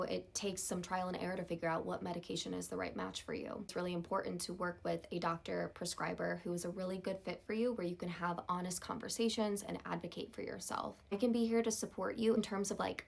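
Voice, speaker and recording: A woman playing a therapist in a role-play, talking in a calm, measured, reassuring way. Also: medium pitch, gravelly.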